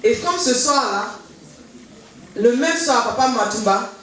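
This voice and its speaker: A woman giving a spoken testimony in church, telling her story in a lively way and acting out the voices of the people in it. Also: on the high side, takes it slowly. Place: church hall. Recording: echoey hall from far off, faint noise.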